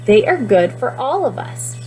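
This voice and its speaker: A woman's voice: on the high side, sing-song, moderate pace, dark tone, soft background music, pitched above the performer's own voice, rough recording. A woman voicing a helpful female storybook rabbit who teaches children about food in an encouraging, instructive way.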